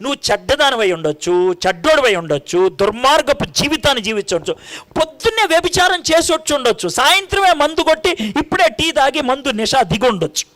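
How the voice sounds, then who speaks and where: A male preacher with a high, bright, forceful voice delivers a sermon. He tells the story in lively, swooping tones, acting out each exchange and quizzing the listeners. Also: brisk. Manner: animated storytelling, acting out dialogue and quizzing the congregation.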